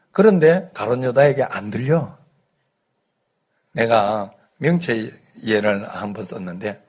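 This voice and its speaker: Folksy storytelling pastor with a Gyeongsang lilt. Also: male voice, mid-range voice, darkish tone. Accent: light Gyeongsang dialect. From Gyeongsang region, South Korea. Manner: folksy storytelling with rhetorical questions to the congregation. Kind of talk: conversational Sunday sermon.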